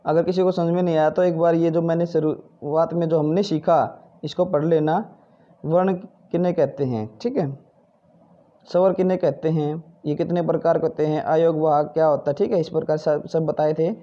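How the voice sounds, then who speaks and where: A man's voice: a little high, little pitch movement, normal speed, warm tone, dull audio. A male Hindi teacher patiently working through textbook exercises, asking questions and answering them himself. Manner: patient, repeats "ठीक है" and "भाई", asks then answers.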